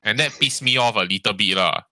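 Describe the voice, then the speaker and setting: Man, casual co-host; bright, sharp, low voice, rambling, dry mic. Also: fairly quick, no room sound. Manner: rambling, frequent "lah" and "ah" tags, swears. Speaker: podcast co-host. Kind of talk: casual chat.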